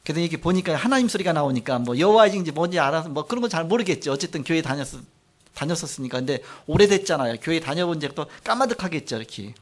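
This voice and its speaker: A middle-aged man preaching a sermon, telling a personal testimony in an animated storytelling way. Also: fairly high pitch, rapid-fire. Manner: animated storytelling, acts out quotes, frequent trailing "like this". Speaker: pastor.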